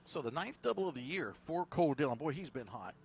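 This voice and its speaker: A man doing play-by-play for a high school baseball game, chatty and rising sharply in energy on big plays. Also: big pitch swings, fast, gravelly, a little hiss or hum. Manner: chatty, laughs with his partner. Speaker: play-by-play announcer. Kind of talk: baseball commentary.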